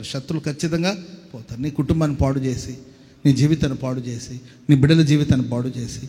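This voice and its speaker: A man's voice: a little high, darkish tone, big-room sound. A male pastor preaching a sermon, emphatic, calling on the congregation to respond and mixing in English words.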